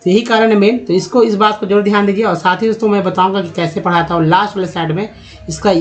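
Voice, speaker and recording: A man teaching English reading, slowly sounding out words and spellings one by one for his students. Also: high-pitched, steady tone, soft background music. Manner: slow, drawn-out word-by-word pronunciation drills. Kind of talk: spelling and pronunciation lesson. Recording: dull lo-fi audio.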